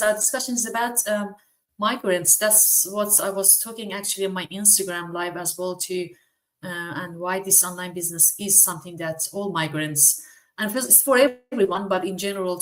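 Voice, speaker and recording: A middle-aged woman co-hosting over a video call. She talks in a chatty, easygoing way at a middle pitch and laughs off her own slips. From migrant to Australia. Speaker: co-host. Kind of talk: casual video-call chat.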